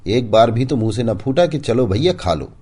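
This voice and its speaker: Man reading as a village wife, storybook, biting, taunting, loud, husky. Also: lowish voice, big pitch swings, moderate pace, voice pushed up. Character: sharp-tongued young village wife.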